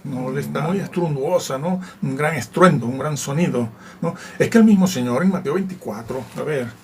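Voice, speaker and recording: A man's voice: on the high side, moderate pace, a little hiss or hum. A man giving conversational Bible teaching, reading scripture aloud and checking in with his listeners through frequent tag questions. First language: Spanish. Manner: reads scripture aloud and comments on it.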